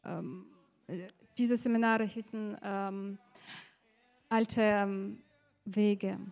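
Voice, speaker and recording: A woman interpreting a church testimony live, halting and searching for words with many fillers. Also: medium pitch, fairly even intonation, a little mellow.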